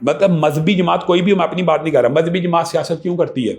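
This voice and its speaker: A Pakistani religious scholar with a slightly high voice answers interview questions emphatically, often posing rhetorical questions. Soft music plays in the background.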